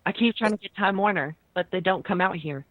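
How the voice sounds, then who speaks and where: A woman's voice: medium pitch, a little fast. A woman from Texas with a Southern drawl, calling in as a guest over a bad connection that keeps cutting out. She talks casually and hesitantly, full of "like" and "kinda". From Texas, USA. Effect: bad connection, phone-line audio cutting out. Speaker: call-in guest. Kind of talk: casual chat over a call. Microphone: remote call. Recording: dry, tinny phone line.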